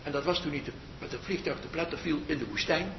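An older man, a meditation teacher, giving a slow reflective spiritual talk that pauses often and trails off softly. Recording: muffled roomy recording with faint rumble.

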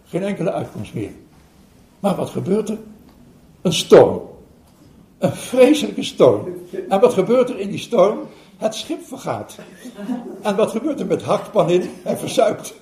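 Older man telling a story. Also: high-pitched. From Netherlands. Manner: animated, chuckling, hesitant fillers. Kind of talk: storytelling talk to an audience. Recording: roomy hall recording.

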